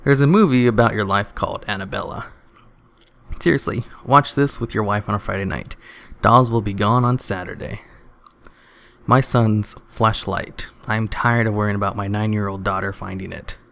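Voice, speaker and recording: Low-voiced man reading comments aloud. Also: fairly even intonation, moderate pace, creaky, fairly bright tone. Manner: dry reading, half-stifled laughs. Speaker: channel host reading online comments. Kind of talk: casual read-aloud of online posts.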